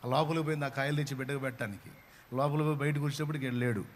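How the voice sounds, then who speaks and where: A man's voice: mid-range voice, fairly even intonation, rapid-fire, a little hiss or hum. Fervent male preacher telling a story. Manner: dramatic storytelling, rising to loud fervent proclamation. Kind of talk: sermon storytelling.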